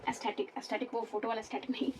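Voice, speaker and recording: Distant, high-pitched woman teaching a lesson. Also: flat delivery, very fast, a little hiss or hum. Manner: explains patiently, repeats terms and checks "ठीक है?". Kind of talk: classroom lecture.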